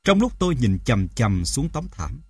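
A man reading a first-person story aloud as an audiobook narrator, in an expressive, dramatic way. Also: medium pitch, normal speed, breathy edge, dry recording, studio quality.

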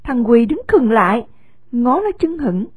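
A woman with a Southern Vietnamese accent narrating a story in an expressive storytelling way. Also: a little high, measured pace, husky, no room sound, studio quality.

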